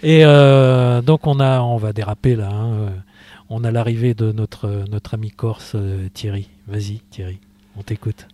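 Radio host guy, mellow warm voice, kinda halting, lots of euh. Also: lowish voice, steady tone, no room sound. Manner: loose, halting with fillers. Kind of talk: casual radio hosting. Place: radio studio.

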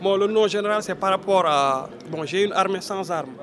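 High-voiced Senegalese man in his thirties. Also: normal speed. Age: 30s. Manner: loose and talkative, ends phrases with "quoi". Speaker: rapper and reggae artist. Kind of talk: casual interview chat. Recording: outdoor crowd chatter behind.

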